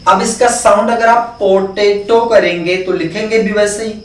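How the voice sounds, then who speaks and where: High-voiced man teaching phonetics. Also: steady tone, moderate pace. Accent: Indian English. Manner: explains step by step, asks and answers his own questions. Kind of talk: exam-prep phonetics lesson. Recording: echoey room, mic far off.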